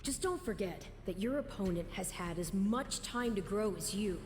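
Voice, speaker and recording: A woman playing a cryptic, youthful spirit guide in a video game, measured and slightly snarky. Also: medium pitch, expressive, background noise, close to an everyday voice. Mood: ominous, measured. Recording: reverberant game dialogue over music.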